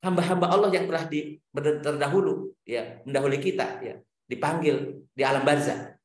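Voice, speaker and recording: A man preaching an Islamic lecture, reciting Arabic verses and telling stories with sweeping swings in pitch. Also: steady tone, normal speed, reverberant. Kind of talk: religious lecture answering questions.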